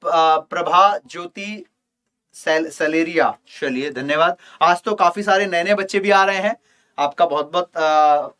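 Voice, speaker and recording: A man teaching English vocabulary in a live online exam-prep lesson, coaxing viewers to comment and chanting memory tricks in a slow singsong. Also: high-pitched, a bit bright. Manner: addresses viewers as children, asks for comments.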